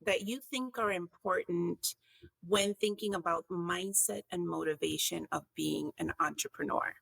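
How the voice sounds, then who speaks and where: A woman's voice: lowish voice, a little slow, gravelly, fairly bright tone, no echo, poor audio. A woman from the US Virgin Islands, hosting a podcast in a conversational style. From US Virgin Islands (St. Croix). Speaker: podcast host.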